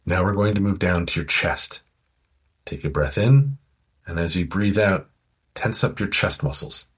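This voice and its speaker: A man slowly guiding a listener through a progressive muscle relaxation exercise with soothing, calm instructions. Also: deep voice, slightly rough. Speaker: relaxation guide.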